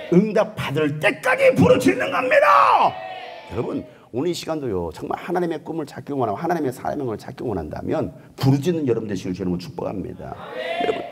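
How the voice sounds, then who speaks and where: A male pastor preaching a revival sermon at a university chapel, animated and playful with the crowd, often breaking into shouts. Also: medium pitch.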